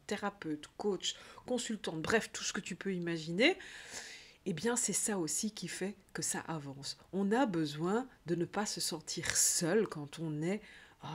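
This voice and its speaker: A woman's voice: lowish voice, husky. A woman with a Belgian French accent, a coach talking in a rambling, chatty video diary full of fillers.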